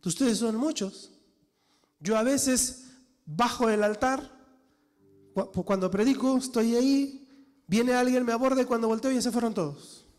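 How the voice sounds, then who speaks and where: A man's voice: extremely high pitch, a little slow, long pauses, a little mellow, soft background music. A man, a pastor, preaching a sermon with rhetorical questions and dramatic quoted voices. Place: church hall. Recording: church hall reverb.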